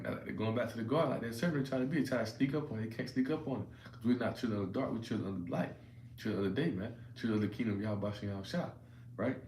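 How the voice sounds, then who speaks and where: A man giving informal scripture teaching who keeps checking in with "right?" and restarts his phrases, sometimes reading verses aloud slowly. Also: medium pitch, a little mellow. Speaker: religious teacher. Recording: echoey room with faint ambient noise.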